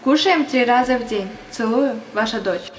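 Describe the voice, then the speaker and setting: A woman performs in an audio play as a young, headstrong female soldier who describes the war simply, recalling it earnestly. Her voice sits on the high side, at a normal speed and only lightly acted. The recording is rough, with faint background noise and ambience.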